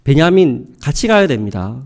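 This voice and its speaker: A man's voice: mid-range voice, big pitch swings, normal speed, darkish tone, pitched below the performer's own voice. A man voicing grown sons who insist and plead with their father. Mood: insistent.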